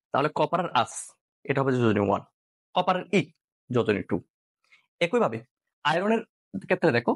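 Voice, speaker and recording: Quick bangladeshi guy teaching a live online class, keeps asking if it's clear. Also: mid-range voice, a bit bright. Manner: quick, repeats points, asks "clear?"; mixes in English words.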